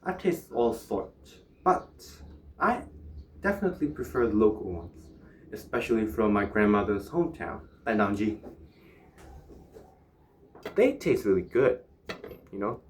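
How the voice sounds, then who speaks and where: A man from Myanmar speaks in a somewhat low-pitched voice. He talks casually, as in a solo vlog, musing and pausing as he searches for words. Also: sing-song, a little hiss or hum. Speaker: vlogger.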